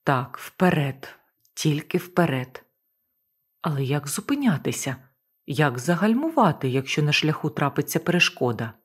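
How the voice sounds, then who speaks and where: A woman reads a first-person novel aloud as an audiobook, in a low, husky voice. Her intonation rises and falls widely, giving the narration an expressive lift. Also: normal speed. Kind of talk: audiobook reading.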